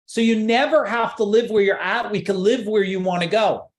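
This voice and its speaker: This man, a business coach, speaks at a moderate pace in a high voice with a roomy acoustic. Leading a live online seminar, he fires off forceful rhetorical questions and says the same points again and again.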